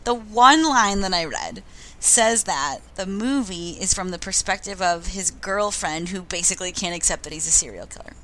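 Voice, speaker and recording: A woman's voice: on the low side, expressive, normal speed, a bit bright, poor audio. A woman who is a guest on a casual movie podcast, talking in a hesitant, then chatty way. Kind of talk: casual chat.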